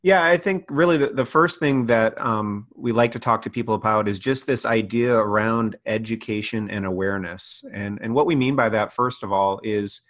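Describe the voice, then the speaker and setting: Lower-voiced American man, dry close sound. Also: moderate pace, hardly any pauses, a bit bright, no room sound. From North Dakota, United States. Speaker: IT company owner, interview guest. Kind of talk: conversational expert interview.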